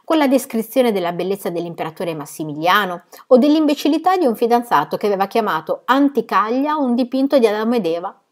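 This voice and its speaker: A woman reading a novel aloud in steady, measured storytelling. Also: a little high. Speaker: reader.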